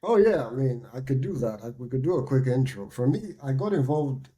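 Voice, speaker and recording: Husky man chatting easily. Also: mid-range voice, fairly quick. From Nigeria. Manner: relaxed, chatty, says "man" often. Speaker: podcast co-host. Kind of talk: casual chat.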